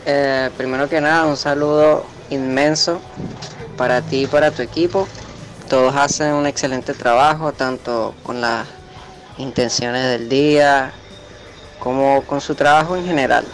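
A man's voice: mid-range voice, steady tone, measured pace, soft background music. A man in his twenties with a Venezuelan accent, a caller leaving an earnest, hesitant voice message for a radio show. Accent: Venezuelan Spanish. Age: 20s. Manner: earnest, hesitant, with fillers and soft laughs.

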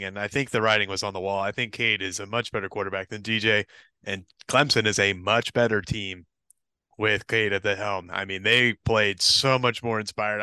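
A young man co-hosts a casual sports podcast, giving chatty and confident takes. His low-set voice is bright and crisp, smooth and clear. The sound is dry and close to the mic. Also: dry recording. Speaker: podcast co-host.

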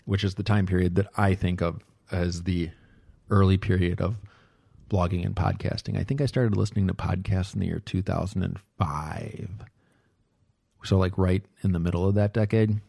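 Speaking at home into a close microphone, this middle-aged host of a personal audio log rambles through a casual diary entry, hesitating and repeating short phrases. His voice sits low and creaky with a warm tone, steady in pitch at a normal pace, and there's no echo.

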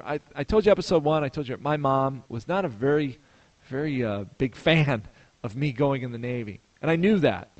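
A man's voice: fairly high pitch, rough recording. A middle-aged man hosting a podcast, telling a rambling personal story in casual monologue and acting out the voices of the people he quotes. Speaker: podcast host.

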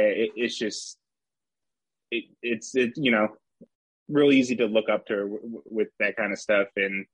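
A man co-hosting a sports podcast, his voice low and husky. He talks in halting bursts with many restarts and laughs easily. The recording sounds dry and close. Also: no room sound, rough recording. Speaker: podcast co-host, sports writer. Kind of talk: casual sports podcast chat.

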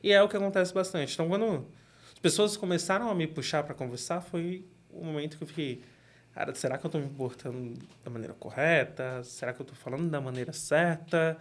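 A young man from Brazil with a São Paulo accent, talking casually as an interview guest, relaxed and quick to laugh. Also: a little high. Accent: São Paulo Portuguese. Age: young adult.

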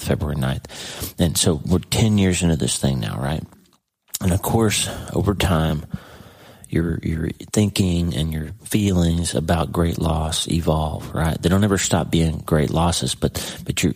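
A man's voice: a bass voice, darkish tone, slightly rough. A middle-aged man hosting a personal faith podcast, talking earnestly and confidingly to his listener. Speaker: podcast host.

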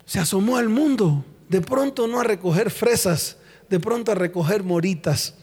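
Man, Colombian accent, preacher, high voice, theatrical call-and-response sermon, long hall reverb. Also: normal speed, darkish tone, slightly rough. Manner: quizzes the congregation with repeated questions; theatrical and jokey storytelling.

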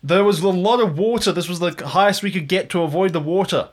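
Higher-pitched man role-playing casually. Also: fast. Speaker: tabletop game player. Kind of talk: casual in-character tabletop role-play.

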